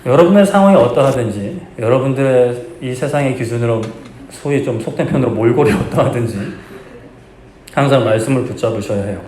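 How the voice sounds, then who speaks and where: A man's voice: medium pitch, lively intonation, a little fast, a little mellow. A male pastor preaching a sermon in an earnest, exhorting way, with conversational asides to the congregation. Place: church sanctuary. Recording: echoey church hall, faint background hum.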